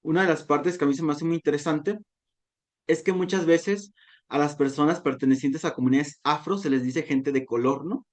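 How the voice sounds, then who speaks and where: Delivering a thoughtful online lecture at normal speed, a man with a fairly high, steady voice tags his statements again and again with "¿no?". He is a volunteer talk facilitator from Mexico with a Mexican accent, and his first language is Nahuatl.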